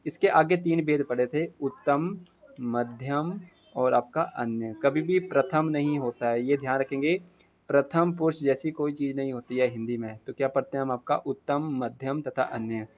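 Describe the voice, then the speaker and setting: A man's voice: medium pitch, normal speed, a little mellow, dull audio. A man teaching an exam-prep grammar lesson, explaining step by step and asking the class rhetorical questions before answering them himself.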